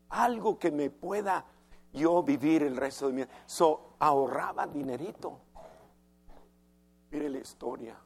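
Male preacher, slightly high voice, slow and emphatic sermon delivery. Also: gravelly, darkish tone, slightly rough. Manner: emphatic, asks the congregation questions, slows down on key words.

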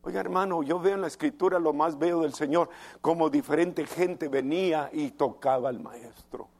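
A man preaching a sermon, emphatic, asking the congregation questions and slowing down on key words. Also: fairly high pitch, a little mellow.

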